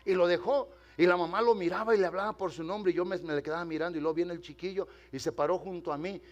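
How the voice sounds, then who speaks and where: A man pastor preaching a sermon in Spanish, telling a story with dramatic pauses, asking the congregation to respond and slipping in English phrases. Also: high-pitched, steady tone, dull audio. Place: church.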